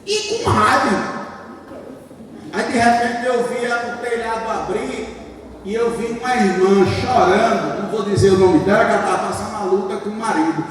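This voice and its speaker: A man, a church deacon, telling a testimony as a sermon and building into shouted, half-sung preaching. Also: high voice, moderate pace, noisy background. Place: church service. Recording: echoey church hall, mic at a distance.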